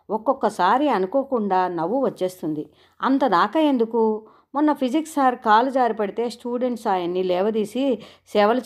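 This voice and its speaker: A woman's voice: a little high, a little mellow, pitched above the performer's own voice, natural voice. Cheeky mock-polite young male student, read by a woman, teasing, storybook telling.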